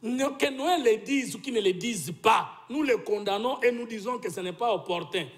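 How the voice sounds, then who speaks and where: High, animated debater. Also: male voice, normal speed. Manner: insistent, argumentative, lecturing. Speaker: debate guest. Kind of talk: heated political debate.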